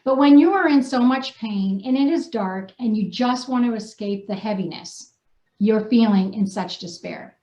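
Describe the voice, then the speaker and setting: In a dull, echoey room, a woman from New Hampshire who hosts and co-authors reads a personal story aloud during a loose, unscripted group chat. Her voice is on the high side with a dark tone, her pace moderate, and her talk chatty, informal and slangy.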